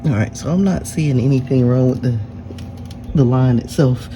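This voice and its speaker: A man's voice: medium pitch, normal speed, mellow. A man giving casual, plain-spoken narration of his own car repair, explaining it step by step as he works. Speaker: DIY car repair vlogger. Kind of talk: casual hands-on narration to camera. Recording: noisy workshop with vehicle-like background noise.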